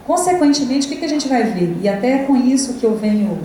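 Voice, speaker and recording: A middle-aged woman with a Brazilian accent lectures teachers in a loose, chatty way, tossing in tag questions as she goes. Her voice is mellow and a little high. She is picked up from a distance in a very echoey hall, with faint noise behind her. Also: expressive, brisk. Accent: Brazilian Portuguese. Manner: conversational, many tag questions and fillers. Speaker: university lecturer.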